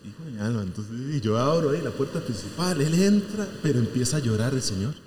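Animated man telling a story in an echoey room. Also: medium pitch, quick pace, slight background noise. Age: 40s. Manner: animated, acts out quoted voices. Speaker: camp administrator. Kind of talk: casual storytelling chat. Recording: echoey room with long reverb.

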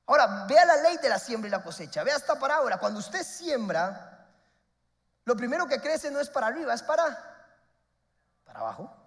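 A man preaching a sermon as pastor, emphatic, repeating his points and swinging between loud and soft. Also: very high-pitched, sing-song, brisk, vocal fry, long pauses, long reverb tail.

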